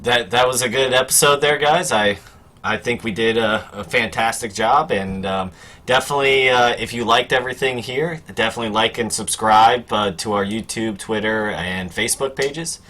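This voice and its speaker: Bright-voiced man closing a podcast. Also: mid-range voice, normal speed. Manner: loose outro with many fillers. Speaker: podcast host. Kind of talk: casual chat and show outro. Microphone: video call.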